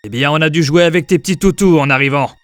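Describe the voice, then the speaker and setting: A man voicing a gruff, scrappy male echidna fighter in an amateur French game fan dub. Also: fairly high pitch, fast talker, fairly bright tone, no echo, close to an everyday voice. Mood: scornful.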